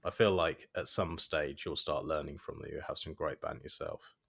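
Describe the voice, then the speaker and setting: A man co-hosting a podcast, an animated storyteller who swears for emphasis and laughs often. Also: rumbling low, normal speed, vocal fry, slightly rough. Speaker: podcast co-host. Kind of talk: casual chat.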